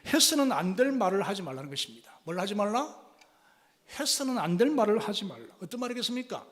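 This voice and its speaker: Speaking fast with a voice that sits high, a male pastor gives an animated sermon in a church sanctuary with a big-room sound. He questions the congregation and performs quoted speech dramatically.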